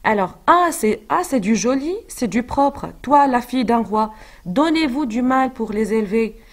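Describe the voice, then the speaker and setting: A woman's voice: a little high, animated, a little slow. A woman teacher reading out the lines of a scolding old nurse, in an accusing, reproachful tone.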